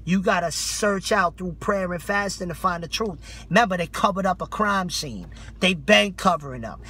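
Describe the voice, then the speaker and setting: High, raspy man preaching with fanatical zeal. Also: sharp tone. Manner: fervent, fanatical religious zeal, urgent and exhorting; colloquial street slang. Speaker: street preacher. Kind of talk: impassioned off-the-cuff sermon. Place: inside a parked car.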